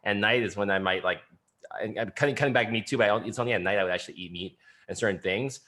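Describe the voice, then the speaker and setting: A man with a low but bright, forceful voice speaks on a team video call. He is laid-back and halting, with plenty of restarts. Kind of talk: casual group meeting chat.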